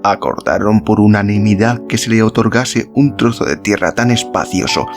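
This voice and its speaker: A man with a lowish voice reads a scripted literary story at a normal pace, working as an audiobook-style podcast narrator. There's instrumental music in the background.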